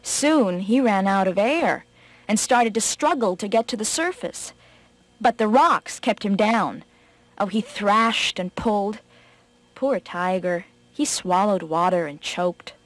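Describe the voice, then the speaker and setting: A woman narrating a children's folk tale in an expressive, gently dramatic way. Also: medium pitch, slow. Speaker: storyteller.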